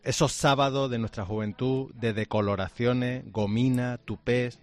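A man's voice: mid-range voice, fairly even intonation, a little slow. A man reading a scripted, reflective literary column on the radio. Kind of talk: scripted narration.

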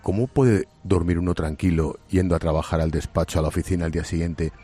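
A man's voice: sits low, steady tone, fast, dark tone, breathy edge, soft background music. A male radio presenter with a Spain Spanish accent, reading news narration and asking earnest, pointed questions. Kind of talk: scripted news narration and interview.

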